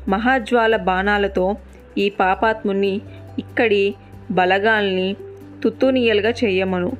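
A woman's voice: medium pitch, fairly even intonation, measured pace, soft background music, close to an everyday voice. A woman narrator voicing a grieving captive queen, devoted and resolute, in a sorrowful yet firm way.

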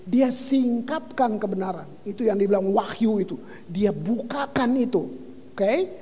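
A man preaching a lively sermon as pastor, reading scripture and exclaiming. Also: high-pitched, a little slow, slightly rough, big-room sound. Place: church hall.

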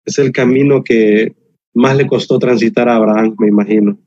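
A man's voice: medium pitch, steady tone, moderate pace, darkish tone, dry recording, highs cut off. A man preaching a sermon as a pastor, emphatic and repetitive with touches of humor, heard over a video call.

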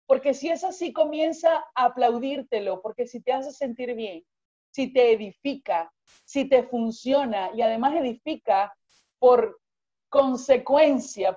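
A woman speaking as a guest life coach in a podcast conversation, explaining at length in an expansive, animated way with acted-out examples. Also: fairly high pitch, lo-fi sound.

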